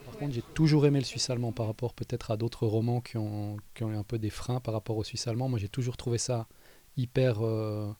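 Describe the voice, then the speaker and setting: A man with a Swiss French accent, chatting in a relaxed, amused way in an interview. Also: mid-range voice, fairly quick. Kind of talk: casual chat.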